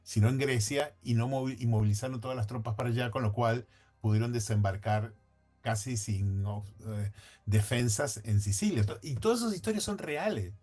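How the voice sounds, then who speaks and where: A man on a podcast speaks at a mid-range pitch, working out his thoughts aloud. He hedges often and keeps breaking off to restart and correct himself. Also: normal speed, darkish tone, faint music behind. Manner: thinks aloud, frequent restarts and self-corrections; hedging, conversational. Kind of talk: casual podcast conversation.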